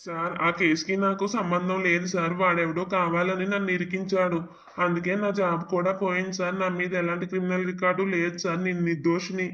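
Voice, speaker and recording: A man's voice: high voice, completely flat delivery, a little fast, bright, forceful tone, muffled recording, a little hiss or hum. A man voicing a humble, desperate young husband in a cartoon, polite and pleading. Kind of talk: animated cartoon voice acting.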